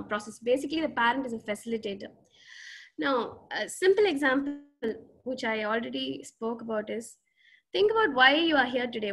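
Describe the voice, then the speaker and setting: A woman's voice: high-pitched, a bit bright. A woman with a South Indian accent giving an informal, explanatory webinar talk with personal anecdotes. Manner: explanatory, often posing questions and acting out dialogue. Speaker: webinar presenter. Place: indoors on a video call.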